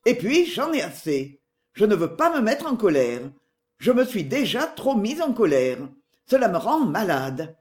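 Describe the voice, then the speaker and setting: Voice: mid-range voice, big pitch swings, measured pace. A narrator voicing a fifty-four-year-old woman who snaps back at her brother impatiently. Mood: weary. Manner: sharp, impatient retorts.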